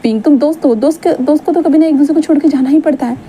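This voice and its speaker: A woman's voice: high-pitched, rapid-fire, dark tone, a little hiss or hum, natural voice. A woman playing a teasing meddling young friend. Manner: teasing, coaxing.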